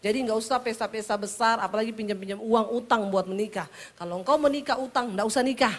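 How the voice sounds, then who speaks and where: A woman preacher from Sulawesi with a Sulawesi Indonesian accent, telling teasing, humorous stories in a lively sermon. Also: on the high side, quick pace.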